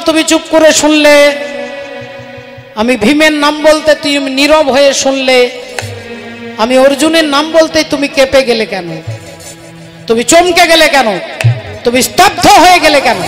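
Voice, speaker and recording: A woman voicing a young warrior prince who earnestly presses his mother for the truth, insisting again and again. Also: high-pitched. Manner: insistent, repeating demands. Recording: live performance with loud music behind.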